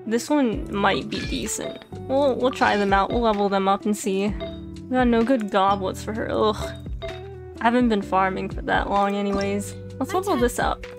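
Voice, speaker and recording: A young Texan woman with a light southern accent streams as a VTuber, chatting casually and giggling often while she plays. Her voice is mid-range, with game music and lofi tracks playing behind her.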